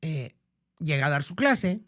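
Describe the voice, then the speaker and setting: A woman's voice: deep voice, a little slow. A middle-aged woman, a podcast guest telling a story in casual conversation and acting out the voices of the people in it. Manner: animated, acts out quoted voices.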